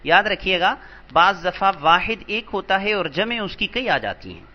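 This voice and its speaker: A man's voice: high voice, expressive, lo-fi sound. Patient man teaching Arabic grammar. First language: Urdu. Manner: patient, repeats words slowly for emphasis. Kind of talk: lecture explaining vocabulary.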